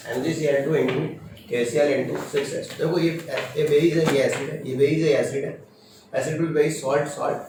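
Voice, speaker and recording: A man teaching chemistry to a class in a firm, strict manner, often checking with short questions. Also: mid-range voice. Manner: firm, stern, quizzes students with short questions. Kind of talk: classroom lecture. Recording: echoey classroom from far off, noisy.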